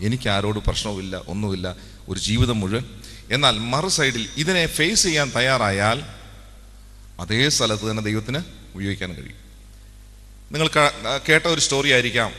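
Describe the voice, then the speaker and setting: A man giving a conversational sermon to young people at a camp, asking the audience questions and acting out what people say. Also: medium pitch. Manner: conversational, asks the audience, acts out quotes softly. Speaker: youth camp speaker. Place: large hall at a camp. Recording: long hall reverb.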